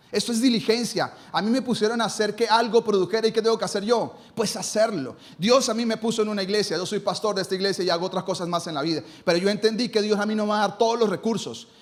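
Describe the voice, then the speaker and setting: A man preaches in church with a raised, high-pitched voice. He hammers his points home by asking questions aloud and answering them himself. His delivery is emphatic, the way a pastor talks to his congregation. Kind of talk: live sermon.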